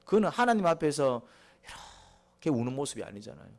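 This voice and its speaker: A man's voice: big pitch swings, fast. A middle-aged male pastor, preaching a sermon, asking the congregation questions and answering them himself. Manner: swings between quiet, low asides and loud, high emphatic lines.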